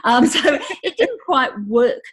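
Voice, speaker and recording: A woman's voice: sits high, sing-song, slow pace, fairly bright tone. A woman hosting a casual podcast interview, chatty and often calling out to her listeners as everybody. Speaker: podcast host.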